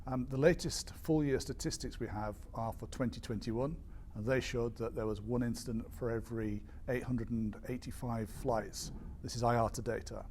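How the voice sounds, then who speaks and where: A man giving an explanatory briefing as an industry spokesperson, measured but hesitant, with frequent ums and repeated words. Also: medium pitch, fairly even intonation, a little mellow, slight background noise. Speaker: airline industry association spokesperson.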